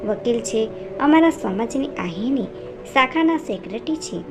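A woman's voice: fairly high pitch, lively intonation, moderate pace, natural voice. A woman voicing a helpful lame ex-railwayman. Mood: friendly. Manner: plain, helpful. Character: friendly lame older male ex-railwayman. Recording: narration over music.

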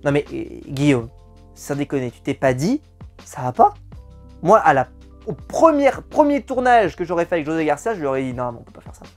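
A man's voice: fairly high pitch, very animated, normal speed, a little mellow, soft background music. A man giving a casual, exasperated spoken film review, often repeating words for emphasis. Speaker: film critic.

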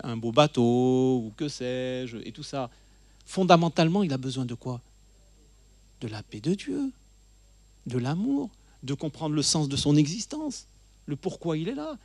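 A middle-aged guest speaker sits at a table in a church hall, holding a handheld mic as he gives a teaching talk. His voice is a little high and slightly mellow, and he speaks earnestly and emphatically, often repeating phrases for stress, with no room sound.

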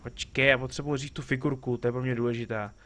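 Man, game streamer, casual commentary, mid-pitched voice, joking and chatty, faint background noise. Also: fairly even intonation. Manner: joking, chatty, talks back to game characters and greets viewers. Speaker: live streamer playing a game.

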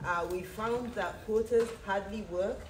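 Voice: mid-range voice, a little slow. A committee member giving panel remarks in an eager, direct way. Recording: echoey room from far off, with noise.

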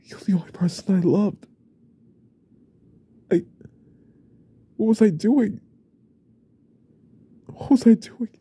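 A young man voicing an unstable, remorseful young husband in a whispered role-play, stammering and repeating himself in a husky, often whispered voice. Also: medium pitch, steady tone, unhurried, pauses often, mellow, heavily acted. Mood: panicked. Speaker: ASMR role-play creator.

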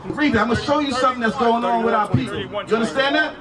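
Insistent male street preacher, very high-pitched. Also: fast talker. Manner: insistent, commanding, repeated rhetorical questions. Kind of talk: confrontational street sermon, explaining scripture. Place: outdoor street corner. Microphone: handheld microphone. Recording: distant outdoor street PA, crowd noise.

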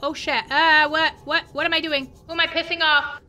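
A woman playing a video game and commenting excitedly, talking to the creatures she meets. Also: high voice, moderate pace. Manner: excitable, exclaiming, talks to creatures. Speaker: gameplay streamer. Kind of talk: let's play commentary.

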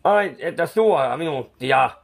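In a comic improvised monologue, a man acts out a muddled, fussy but kindly clown painter who rambles, mutters, and restarts. His creaky, animated voice swoops up and down in pitch as he fusses, soothing and scolding someone who cries.

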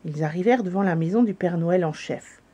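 Woman storyteller, calm children's story reading, mellow voice. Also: lowish voice, a little fast, lo-fi sound. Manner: calm, gentle narration.

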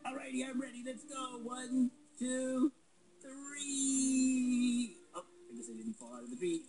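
A man puts on a cheerful little toy frog who boasts like a circus daredevil. The voice is high and swoops about in showy exclamations. It plays as a home-movie puppet show heard through a television, with music behind. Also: very animated, very fast, rough recording. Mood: eager, flustered.

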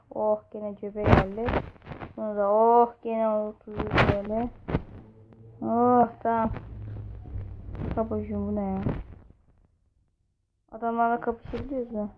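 A woman giving casual, excitable commentary while playing a mobile fighting game. She thinks aloud, sounds openly confused at times, swears casually and breaks into loud outbursts. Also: mid-range voice, phone-quality sound, noisy background. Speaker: mobile game let's-player.

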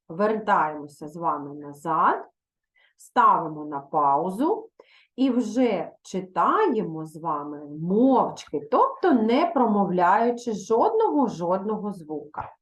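A woman teacher speaks at an unhurried pace in a recorded lesson for young pupils. Her pitch rises and falls freely as she reads verse with expression and gives patient instructions. The room around her sounds echoey. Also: sing-song. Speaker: primary school teacher.

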